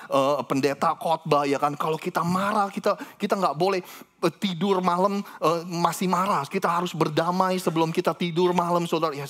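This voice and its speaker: A man in his thirties preaching a sermon, animated and chatty, rising to emphatic peaks and turning to the congregation with asides. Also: a little high. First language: Indonesian. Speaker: pastor.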